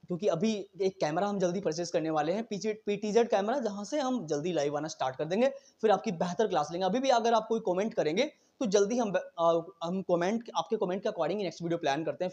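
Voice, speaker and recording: A man teaching an exam-prep lesson at a very fast pace, chatty and casual, mixing in English terms and often checking in with his students. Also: sits high, a little mellow. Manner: very fast talker, says he cannot slow down.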